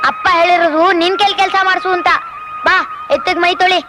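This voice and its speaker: A woman's voice: extremely high pitch, steady tone, brisk, noisy background. An actress playing a blunt village young woman who scolds bossily, in a film scene. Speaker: village girl. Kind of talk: film dialogue. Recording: film audio with music behind.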